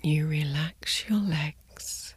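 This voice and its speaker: A woman guiding a sleep meditation in a soft, soothing spa-like whisper, gently and in short, unhurried phrases. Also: low-pitched, breathy edge, no room sound. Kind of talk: guided sleep meditation narration.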